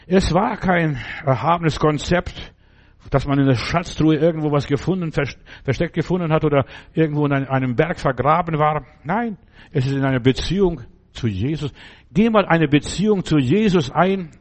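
This preacher's voice is on the high side and a little mellow. He talks directly to the listener with fervor and emphasis, repeatedly checking whether they understand.

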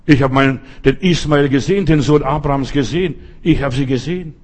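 A preacher voicing God, speaking slowly and emphatically with repeated phrases and a husky voice. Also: male voice, mid-range voice, close to an everyday voice. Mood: solemn. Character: God, a calm fatherly male voice.

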